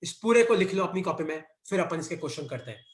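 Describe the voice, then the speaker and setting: A man's voice: sits high, animated, fast talker, reverberant. Indian man dictating a physics lesson. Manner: repeats dictation cues, mixes Hindi and English. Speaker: physics teacher. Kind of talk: online class lecture.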